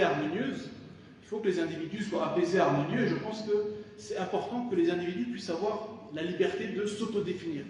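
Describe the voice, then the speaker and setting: Giving a public lecture in a big hall, a man with a fairly high voice speaks thoughtfully, often pausing and restarting phrases. He's far from the mic, so a long booming echo and faint hiss surround him.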